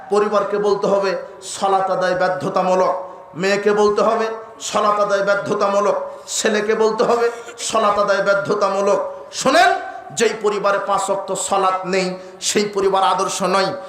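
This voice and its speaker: A man preaching a sermon, fiery and declamatory, building emphatic repeated lists and rising to shouts. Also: high voice, echoey room. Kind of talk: Bengali waz sermon.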